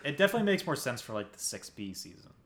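A man hosting a casual chat about TV awards, earnest and quick to laugh, with hesitant fillers. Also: mid-range voice, big pitch swings, a bit bright. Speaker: podcast host.

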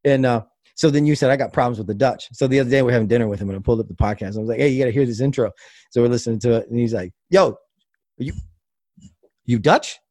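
A man's voice: mid-range voice, racing, no room sound, clean studio sound. A man guesting on a podcast, chatting casually and telling a story with lots of laughter. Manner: laughs often, animated storytelling. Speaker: podcast guest, host of another podcast. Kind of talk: casual chat.

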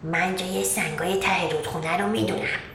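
A woman's voice: lowish voice, fairly even intonation, a bit bright. A woman reading a storybook, voicing an earnest, grumbling village boy who defends his donkey. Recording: roomy echo with background noise.

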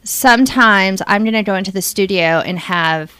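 A woman guest in a radio studio interview, talking in a relaxed, easygoing way about her movement work for a local play. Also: medium pitch, moderate pace, smooth, dry recording. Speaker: guest, dance and movement worker in local theater. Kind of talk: casual on-air interview.

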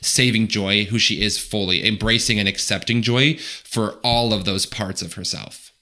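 A man co-hosting a podcast, chatting casually about a film in a relaxed, agreeable way. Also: lowish voice, normal speed. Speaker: podcast co-host. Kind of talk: casual film discussion chat.

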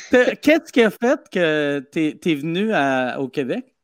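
Lively Québécois man joking on a call-in show. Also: fairly high pitch, slow pace, no echo, clean studio sound. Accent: Québécois French. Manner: joking, laughs often. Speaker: podcast co-host. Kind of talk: casual call-in chat. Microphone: studio mic.

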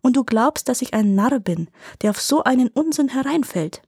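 A woman voicing a greedy, eager young peasant lad in a storybook fairy tale, exclaiming excitedly. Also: high voice, moderate pace, husky, no echo, clean studio sound, voice pushed up, full character voice. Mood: incredulous.

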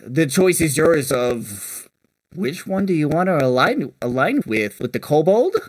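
A man narrating a tabletop game as dungeon master, animated and laughing as he describes scenes. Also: on the high side, measured pace, breathy edge, dry recording, poor audio.

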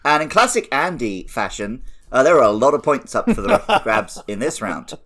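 A man's voice: medium pitch, very animated, normal speed, a bit bright. A young man hosting a comedy quiz podcast, reading out headlines and teasing the players. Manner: teasing, reads headlines then banters. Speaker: quiz host. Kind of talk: casual comedic game-show podcast.

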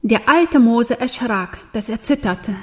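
Slow, earnest woman reading a Bible story to children. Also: a little high, animated. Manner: gentle, earnest storytelling with rhetorical questions.

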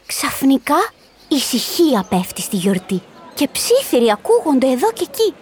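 Woman reading a kids' rhyme story, high bouncy voice, soft music behind. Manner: expressive, sing-song. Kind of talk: rhyming storybook narration.

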